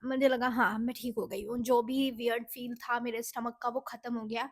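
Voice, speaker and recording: Woman vlogger with a high voice, chatty, switches into english words a lot, dry close sound. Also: little pitch movement, brisk, no echo. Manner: chatty, mixes Hindi with English phrases. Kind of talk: casual storytelling to camera.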